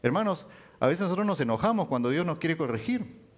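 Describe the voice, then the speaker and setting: A man preaching a sermon, speaking in an animated way, rising and dropping his voice for emphasis. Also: a little high, a little fast.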